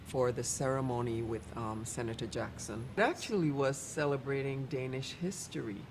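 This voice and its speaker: A speaker with a very creaky, mid-pitched voice recalls things casually and somewhat haltingly, with clear noise in the background. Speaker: event emcee recalling ceremonies. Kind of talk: casual recollection.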